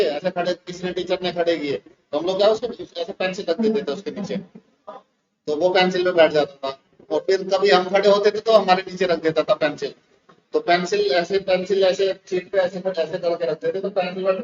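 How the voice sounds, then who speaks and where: High-voiced Indian teacher telling a story. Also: male voice, dull audio, a little hiss or hum. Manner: animated anecdotal telling. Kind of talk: classroom storytelling. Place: classroom.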